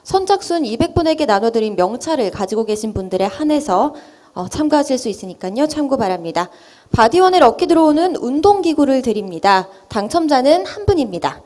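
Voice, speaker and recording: A woman's voice: sits high, very animated, brisk, a little mellow. A woman working as an event host, announcing lucky draw numbers in a formal, polite manner.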